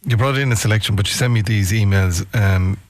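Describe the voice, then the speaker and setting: A man with a west of Ireland accent hosts a casual radio interview. His voice sits fairly low and the studio sound is dry, with no room around it. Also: a little fast, dry recording. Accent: west of Ireland, Galway.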